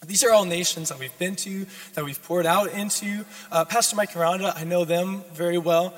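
A young man from Minnesota preaches with a hoarse, high-pitched voice. He is earnest and exhorting, keeping it informal as he checks in with the congregation. His words ring through a reverberant sanctuary. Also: normal speed. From United States, Minnesota. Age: young adult. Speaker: guest preacher. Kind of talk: sermon. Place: large church sanctuary, speaking to a congregation.

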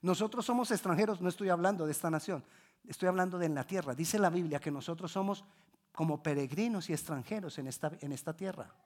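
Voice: medium pitch, fast. A Bible class teacher retelling a scripture story, repeating phrases for emphasis, correcting slips mid-sentence and quizzing the class. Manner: repetitive, emphatic teaching, asks the class questions.

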